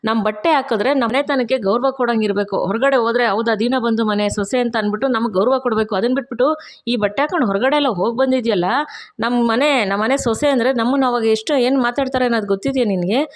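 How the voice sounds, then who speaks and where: A firm older grandmother and family matriarch, admonishing a headstrong bride, as a woman storyteller voices her. Slightly raised and measured. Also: a little high, natural voice. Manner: admonishing, soothing.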